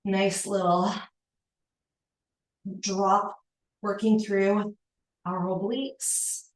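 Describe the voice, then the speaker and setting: A woman's voice: mid-range voice, level tone, extremely slow. A woman leading a workout as an aerobics instructor, giving short, encouraging cues and counts, recorded in a roomy, echoing space. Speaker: fitness instructor. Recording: roomy, echoing indoor sound.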